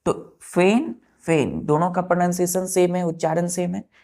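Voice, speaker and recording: A woman's voice: fairly low pitch, steady tone, normal speed, warm tone. A woman teaching a vocabulary lesson, addressing students as children and spelling words out letter by letter. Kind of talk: classroom lesson.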